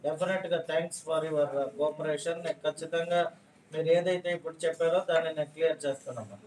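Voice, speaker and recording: Male official on a public phone-in, Andhra Telugu accent, high, soft-edged voice, formal and reassuring. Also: steady tone, a little fast, poor audio. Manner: formal, reassuring, mixing in English words. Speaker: elected official taking public calls. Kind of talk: phone-in replies and public address. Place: municipal office.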